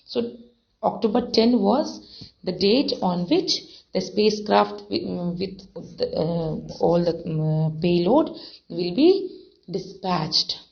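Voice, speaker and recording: A woman teaching an English textbook lesson, reading passages aloud and explaining words slowly, with many fillers and repetitions. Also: on the low side, expressive, gravelly. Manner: slow, repeats and defines words, many fillers. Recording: dull lo-fi recording.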